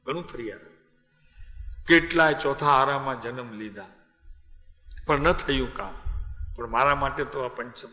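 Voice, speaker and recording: A man preaching a devotional sermon in a large hall, talking at an unhurried pace with a bright, clear-edged voice. He chats with his listeners and calls on them by name. His voice rings with a long, roomy reverb. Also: mid-range voice, faint music behind. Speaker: spiritual teacher.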